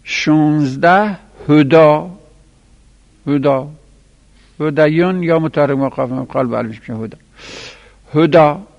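A man teaching a class, counting out items one by one and spelling their letters slowly for students to write down. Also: fairly high pitch, creaky. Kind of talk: classroom lesson dictating Arabic verbal nouns. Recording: lo-fi recording in a reverberant room.

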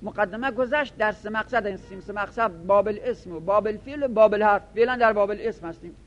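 A man teaching a grammar lesson, reading lines of a text aloud and explaining them in a casual way, sometimes hurrying through asides and sometimes drawing out the recited words. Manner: reads Arabic passages then explains them conversationally; shifts between fast asides and slow, drawn-out recitation. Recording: dull lo-fi recording with faint rumble.

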